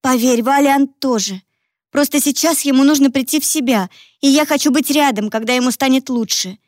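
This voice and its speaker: A woman's voice: high voice, normal speed, a little mellow, no room sound, clean studio sound, voice pushed up, close to an everyday voice. A woman voicing a resolute young daughter, earnest. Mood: reassuring. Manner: earnest, pleading.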